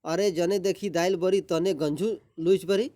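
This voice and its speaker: Village man reading play dialogue, slow, fairly loud, high voice, read by a man. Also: steady tone. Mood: reasoning. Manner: slower, louder read dialogue.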